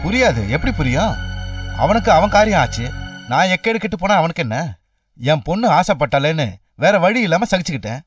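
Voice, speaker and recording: A man's voice: on the high side, sing-song, brisk, breathy edge, dry recording, soft background music. An actor playing a proud, wounded middle-aged father who talks in a mocking way, in a television serial. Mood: bitter. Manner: mocking, mixes in English phrases. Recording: distant dull TV audio with background score.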